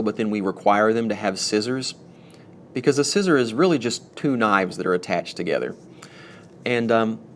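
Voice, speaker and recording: A man's voice: lowish voice, a bit bright, a little hiss or hum. A man hosting a homestead channel, rambling chattily to camera with self-mocking asides, a little wired from too much coffee. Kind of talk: casual talk to camera.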